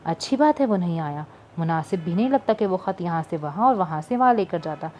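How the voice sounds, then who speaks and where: A woman's voice: fairly low pitch, lively intonation, a little fast, warm tone, slight background noise, lightly acted. A woman voicing a wry teasing young shopkeeper. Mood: coaxing. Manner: wry, mock-offended banter.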